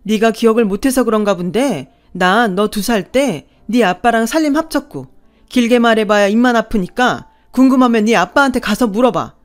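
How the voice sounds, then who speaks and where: A woman voicing a harsh stepmother who coldly scolds and shouts. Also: fairly high pitch, sing-song, normal speed. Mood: cold, yelling. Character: harsh stepmother, cold and angry.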